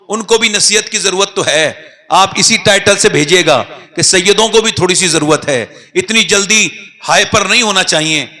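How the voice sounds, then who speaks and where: A man preaching a sermon, telling stories and rising to shouts as he leads the crowd. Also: high-pitched, big-room sound. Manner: storytelling, rises to shouting and leads crowd chants.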